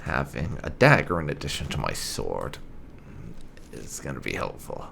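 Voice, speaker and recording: Hosting a gaming channel playthrough, this man comments on his choices and slips partly into character as he roleplays. His bass voice swings widely in pitch at a normal speed, with vocal fry, a fairly bright tone, and a little hiss or hum in the audio.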